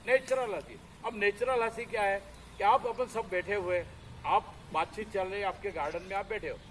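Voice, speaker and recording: High-voiced man leading group laughter. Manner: energetic, coaxing the group to clap and laugh. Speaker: laughter yoga instructor. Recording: crowd and outdoor traffic noise.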